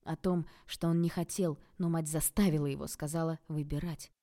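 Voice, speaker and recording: Calm woman narrator, low and dark-toned, reads prose evenly. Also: normal speed. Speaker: audiobook narrator. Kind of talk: scripted narration.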